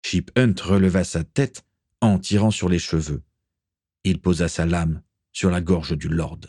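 A man narrating an adventure story in a steady, even reading voice. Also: sits low, measured pace, dry recording, studio quality. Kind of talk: audiobook reading.

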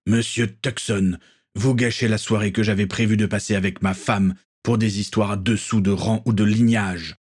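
A man voicing a stern ship captain in a storybook reading, measured and commanding, with a husky voice. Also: fairly low pitch, steady tone.

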